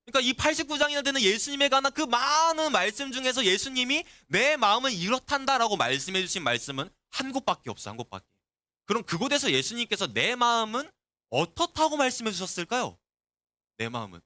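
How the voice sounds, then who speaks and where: Male youth pastor with a high, very lively voice, preaching to teens. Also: fast, dry recording. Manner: asks the students many questions; lively and animated. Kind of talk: sermon to middle schoolers.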